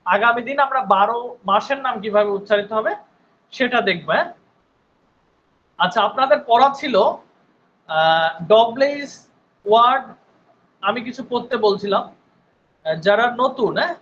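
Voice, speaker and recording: A man's voice: very high voice, lively intonation, normal speed, long pauses, fairly bright tone, dull audio. A male English teacher giving an online spoken English class, patiently repeating words and often checking in with his students.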